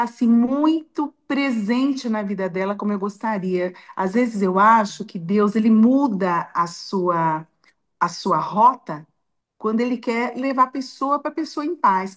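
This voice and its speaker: A middle-aged Brazilian grandmother, appearing as an interview guest, tells a personal story with heartfelt emotion and many restarts. She speaks in a fairly high voice at normal speed with a Brazilian Portuguese accent.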